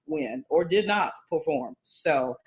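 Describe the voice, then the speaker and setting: A man co-hosting a casual sports podcast, chatty and quick to laugh, often restarting his sentences. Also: a little high, expressive, rough recording. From American South. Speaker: podcast co-host.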